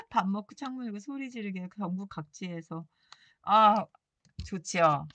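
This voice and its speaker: Playful chatty woman, mid-pitched. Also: expressive, fairly quick, darkish tone, lo-fi sound, a little hiss or hum. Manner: playful, chatty, laughs often. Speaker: journaling vlogger. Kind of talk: casual chat while crafting.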